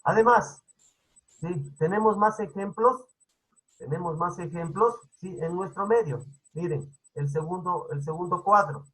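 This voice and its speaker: A man's voice: high voice, a little slow, fairly bright tone, breathy edge, poor audio. A male teacher giving an online class over a video call. He keeps checking understanding with "¿sí?" and repeats his points. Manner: repetitive, instructive.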